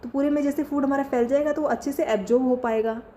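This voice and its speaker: A woman's voice: high voice, fairly even intonation, fast talker, dark tone, a little hiss or hum. A woman teaching a lesson, who keeps asking questions and answering them herself. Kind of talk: classroom lesson.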